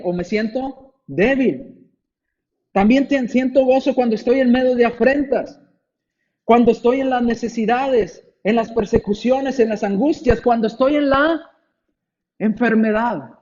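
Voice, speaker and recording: A man in his forties preaching a sermon in an expressive way, acting out frightened voices in his stories. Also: high-pitched, dull audio. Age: 40s. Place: church.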